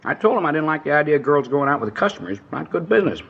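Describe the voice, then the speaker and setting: In a naturalistic 1950s radio drama, a man plays a chatty, nervous dance hall proprietor, gossipy and rambling in folksy, ungrammatical slang. His exaggerated voice is fairly high, very fast, gravelly and slightly rough, with big pitch swings. The recording sounds like dull old radio.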